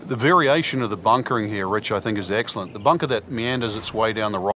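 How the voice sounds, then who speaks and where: A man giving color commentary on a golf broadcast, calmly explaining course strategy and shot choices. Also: on the low side, fast talker, noisy background. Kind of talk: live sports analysis.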